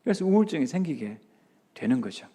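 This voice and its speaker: A man's voice: fairly high pitch, big pitch swings, fairly quick, dark tone, husky. A male pastor preaching a revival sermon in a church, asking the congregation questions and acting out what others say. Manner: acts out quoted voices, asks the congregation questions. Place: church sanctuary.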